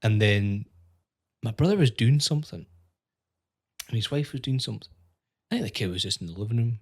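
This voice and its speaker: Animated woman telling a story. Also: rumbling low, brisk, slightly rough. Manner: animated storyteller, acts out quotes. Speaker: podcast co-host. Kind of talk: casual chat, storytelling.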